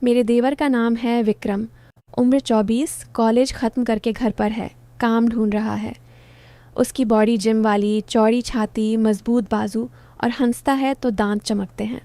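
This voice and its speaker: Young woman in her 20s narrating her own story, kinda high but mellow voice, short teasing lines, dry close sound. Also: fairly even intonation, unhurried, dry recording. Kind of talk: first-person story narration.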